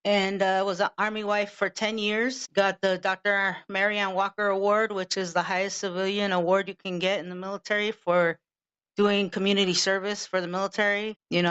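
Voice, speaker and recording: The voice belongs to a fifty-something woman from Los Angeles who co-hosts a podcast, casually chatting and cursing in an easygoing way. It is medium in pitch, a bit bright, clear and resonant, though the recording itself is dull and lo-fi.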